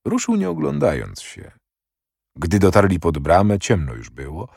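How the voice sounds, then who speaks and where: A man narrating a historical novel in a measured, steady audiobook reading. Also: low-pitched, gravelly, husky, no room sound, studio quality.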